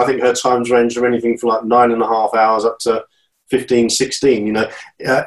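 A British man in his fifties, a channel swimmer, is a guest in a casual interview, recorded at low quality. His mid-range voice sounds earnest and encouraging, and he often repeats himself and restarts his words.

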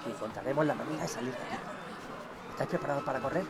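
A man's voice: mid-range voice, rapid-fire, creaky, loud music behind the voice, lightly acted. An actor playing a determined man who gives survival orders to a group. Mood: commanding. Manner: commanding, giving orders.

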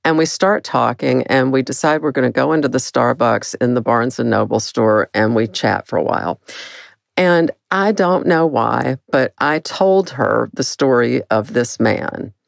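Very low gravelly older woman storyteller. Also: a little slow, no room sound, studio quality. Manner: animated, self-mocking, big swings in pitch. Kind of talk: personal storytelling monologue.

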